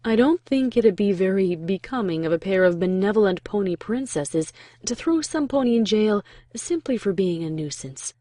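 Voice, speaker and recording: A woman's voice: medium pitch, animated, moderate pace, few pauses, warm tone, no echo, clean studio sound, lightly acted. A woman playing a regal, benevolent older pony princess who speaks nonchalantly and slyly in a fan fiction audio drama. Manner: nonchalant, casual, composed.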